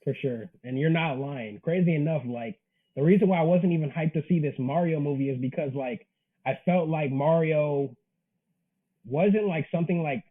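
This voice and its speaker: Over tinny call audio, a young man in his early twenties, a manga creator, talks as an interview guest in a casual chat. He speaks at a moderate pace in a fairly high voice, sounding earnest, emphatic and slangy.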